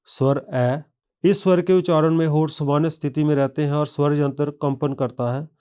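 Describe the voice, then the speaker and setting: A man narrating a scripted language lesson, reading word lists one by one in a measured way. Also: fairly high pitch, little pitch movement, warm tone, clear, resonant tone. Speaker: language teacher.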